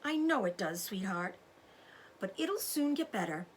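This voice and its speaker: A woman voicing a tender, anxious mother fox in a storybook, pleading and soft-hearted. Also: mid-range voice, sing-song, measured pace, a little hiss or hum.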